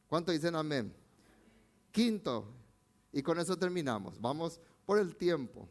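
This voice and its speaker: A man's voice: on the high side, sing-song, measured pace. A male pastor with a Rioplatense Spanish accent, preaching a sermon with rising emphasis and calls for amen.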